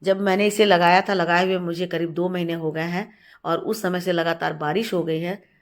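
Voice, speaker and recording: A woman with a heavy, stuffed-up voice from a cold hosts a casual gardening tutorial from her terrace garden. She talks in a chatty way, repeats words and often pauses on fillers. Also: lowish voice, fairly even intonation. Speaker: gardening channel host. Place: home terrace garden, outdoors.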